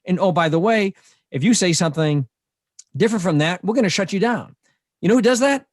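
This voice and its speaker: A man with a Boston accent talks with fired-up indignation, stacking rhetorical questions and filling gaps with "you know". His voice sits a little high for a man. The sound is dry and close, with no room around it. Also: animated, brisk, no room sound. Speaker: co-host, lawyer. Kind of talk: opinionated talk show discussion.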